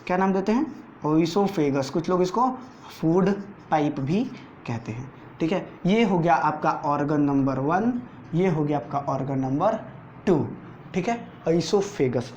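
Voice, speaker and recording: A male teacher gives a board lecture to school students, posing rhetorical questions, answering them himself, repeating key terms and often tagging "theek hai." His voice is on the high side, expressive and darkish, at a measured pace. The lo-fi recording sounds dull, with faint noise.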